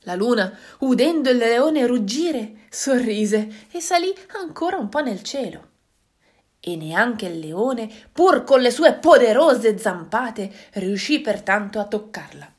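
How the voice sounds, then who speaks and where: A woman reading a children's story aloud, expressive, with dramatic hushed moments. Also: a little high, takes it slowly.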